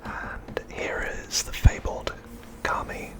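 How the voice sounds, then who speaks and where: Unscripted and unhurried, this ASMR show-and-tell is narrated in a breathy whisper with no voicing, kept very hushed.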